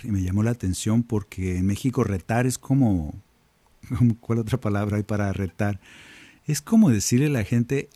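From his own recording studio, a husky-voiced man leads a prayer reflection, calling his listeners brothers and sisters. He's animated and acts out quoted voices, his medium-pitched voice captured with no echo.

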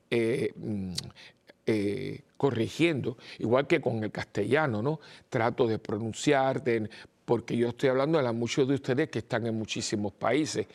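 This older priest, whose accent is a mix of Spanish influences, rambles through a casual homily in a medium-pitched, slightly mellow voice. Repeated words and filler-laden pauses mark his delivery.

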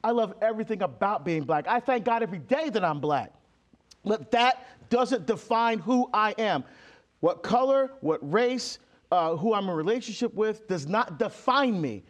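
Man from Barbados, high voice, emphatic, interview guest, lots of fillers. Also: animated, normal speed. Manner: emphatic, acts out quoted exchanges, many fillers and restarts. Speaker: deacon and author, guest. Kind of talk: impassioned conversational interview.

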